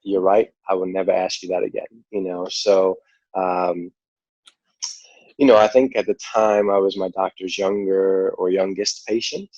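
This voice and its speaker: A man with a New York accent tells his story in a loose, rambling way, leaning on "like" and "you know." His voice sits very low. The recording is dry and a little muffled. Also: a little slow, no room sound. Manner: relaxed, rambling, heavy use of "like" and "you know". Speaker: podcast guest. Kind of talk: casual interview storytelling. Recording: dull lo-fi audio.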